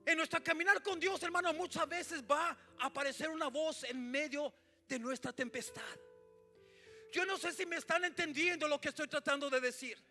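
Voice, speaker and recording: A male pastor preaching a sermon in church. He swings between shouted lines and hushed asides and keeps calling out to his congregation. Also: very high voice, fairly even intonation, normal speed, soft background music.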